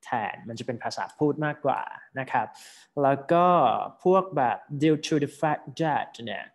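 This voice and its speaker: A man's voice: mid-range voice, measured pace, vocal fry. A man with a Thai accent coaching a student in a speaking class. He gives friendly feedback with many fillers and polite particles.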